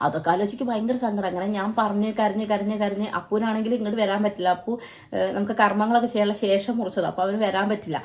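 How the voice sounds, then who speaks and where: Young female family vlogger, rapid earnest delivery with broken-off restarts. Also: mid-range voice, steady tone. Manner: earnest, halting, with restarts and trailing pauses. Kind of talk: emotional personal storytelling.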